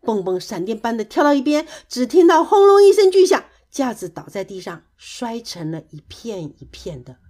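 A woman reads a children's story aloud with lively, expressive delivery. Her voice sits fairly high. She tells the tale as a practiced storyteller. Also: normal speed, hardly any pauses. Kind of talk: storybook narration.

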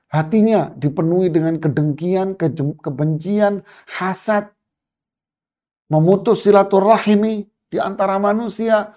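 A man's voice: a little high, a little mellow. A man giving an Islamic religious lecture, asking rhetorical questions, reciting Arabic phrases and translating them. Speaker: Islamic preacher. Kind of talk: religious lecture on a classical text.

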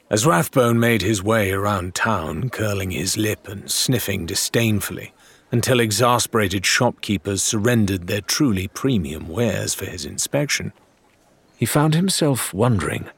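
A man reading a story aloud as narrator, in measured storytelling delivery. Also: on the low side, vocal fry, fairly bright tone, breathy edge, no echo. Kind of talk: scripted audiobook narration.

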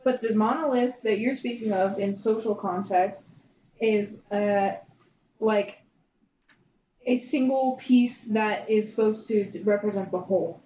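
A woman's voice: medium pitch, a little slow, mellow, roomy sound, lo-fi sound, a little hiss or hum. A woman on a casual podcast who reads out facts in a dry, matter-of-fact way.

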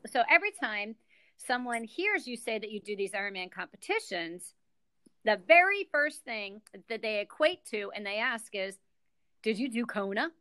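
A woman's voice: a little high, very animated, moderate pace, bright, forceful tone, smooth, dry recording. A middle-aged American woman, a guest on a podcast, explaining things carefully in an upbeat way. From United States. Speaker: guest, executive director. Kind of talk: podcast interview.

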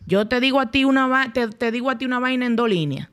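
Here a young Dominican woman, guesting on a podcast, talks quickly in a slightly high, fairly bright voice full of lively intonation. Her storytelling is candid and conversational, blunt and casually colloquial.

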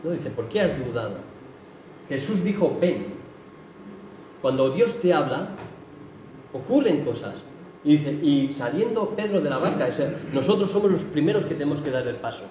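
Man, preacher, sermon, emphatic bursts, mellow tone, fairly high pitch. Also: expressive, moderate pace, slight background noise. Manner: impassioned, rising to emphatic bursts. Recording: echoey hall, mic from a distance.

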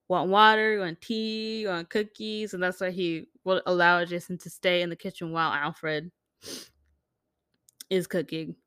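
A woman's voice: on the low side, fairly bright tone, clean tone, dry recording, clean studio sound. A woman hosting a podcast, reading fan comments in a loose, casual chat, swearing freely and laughing often. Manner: acts out quoted characters in jumped-up voices. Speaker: podcast host.

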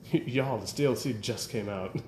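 A man's voice: medium pitch, takes it slowly, a little mellow. A young man chatting casually as a podcast co-host, rambling through stories and laughing often. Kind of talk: casual chat. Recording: echoey room with faint ambient noise.

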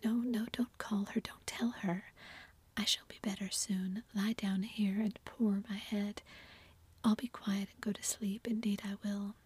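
A woman voicing a gentle, frail teenage girl in a soft, tremulous whispered role-play. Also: mid-range voice, flat delivery, measured pace, breathy edge, no echo. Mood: tearful.

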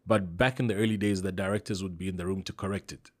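A Zambian voice-over artist with a deep voice talks fast, telling stories casually during an interview. He's relaxed, laughs often, and restarts a lot.

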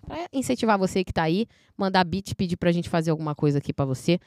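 Woman podcast host, rapid and bubbly, dry close studio mic. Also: on the low side, no room sound. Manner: fast, excitable, laughs often. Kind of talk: casual chat.

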